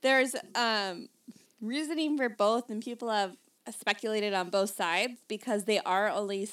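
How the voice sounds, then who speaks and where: A woman's voice: mid-range voice, a little slow, fairly bright tone. Chatty young woman co-hosting a podcast. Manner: chatty, prompting and filling in her partner's story. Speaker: podcast co-host. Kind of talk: casual chat.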